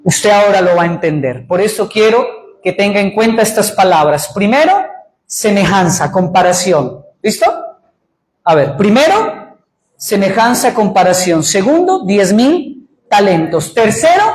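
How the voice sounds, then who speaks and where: Lively Colombian pastor preaching. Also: male voice, sits high, measured pace. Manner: lively, poses questions to the congregation and answers them. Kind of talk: sermon. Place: church sanctuary. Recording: echoey church room.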